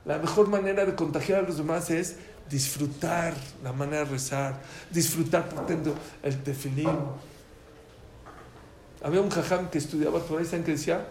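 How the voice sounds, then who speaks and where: A man teaching a Torah lesson, telling stories with animated quoted voices. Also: a little high, normal speed. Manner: animated storyteller, voice rising in quotes. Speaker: rabbi teaching a class. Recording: echoey room with faint ambient noise.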